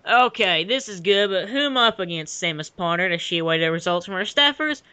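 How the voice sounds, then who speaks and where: An excitable young man doing a comic read-aloud. His pitch jumps around in a lively way and his voice is bright and forceful. He is giggly and keeps stepping out of the text to riff. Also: brisk, clear, resonant tone, no echo. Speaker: co-reader of a dramatic fan fiction reading. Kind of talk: casual comic read-aloud with ad-libbed commentary.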